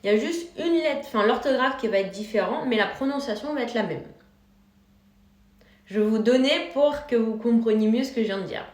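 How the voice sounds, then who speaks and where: A woman teaching English car vocabulary, speaking slowly and clearly and repeating each word for her learners. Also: a little high, reverberant. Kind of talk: vocabulary lesson.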